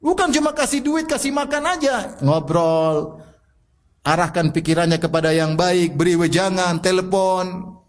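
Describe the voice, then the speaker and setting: High-voiced man preaching with rhetorical questions. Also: normal speed. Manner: exhorting with repeated rhetorical questions; personal storytelling with soft laughs. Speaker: Islamic preacher. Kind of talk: sermon.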